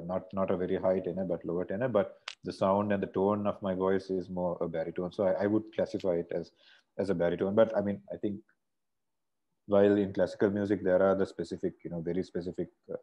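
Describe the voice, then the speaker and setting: Joining a video call from a bright room indoors, a male singer from Sri Lanka chats loosely and keeps restarting his sentences. He has a low voice, picked up through an earphone mic with lo-fi quality.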